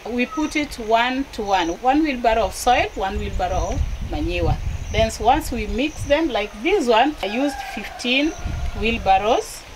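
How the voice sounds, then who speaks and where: A middle-aged woman farmer showing her farm outdoors, explaining her methods in a plain, practical, step-by-step way. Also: a little high. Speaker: dairy farmer. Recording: outdoor recording with clear background noise.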